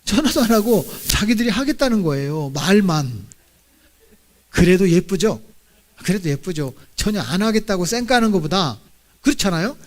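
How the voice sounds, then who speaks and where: A middle-aged man preaching a sermon in a high, lively voice. He tells the story with animation, slipping into acted-out voices. He often stops to ask the congregation questions. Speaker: senior pastor.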